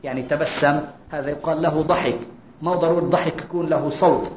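High-voiced preacher. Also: male voice, fairly even intonation, darkish tone, slight background noise. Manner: explanatory, slows for quotations. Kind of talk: sermon. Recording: echoey dull lo-fi recording.

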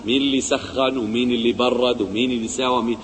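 A man giving a religious lesson, asking rhetorical questions and swinging between loud emphasis and quiet low asides. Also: steady tone, very fast. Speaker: preacher. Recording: long hall reverb.

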